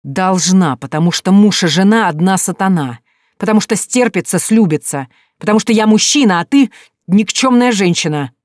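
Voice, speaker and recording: Narrator voicing a spiteful, loud ex-husband in a dry audiobook read, higher than the narration. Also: male voice, normal speed, dry recording, close to an everyday voice. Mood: venomous rage. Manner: shouting, venomous, contemptuous. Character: furious abusive ex-husband, grown man.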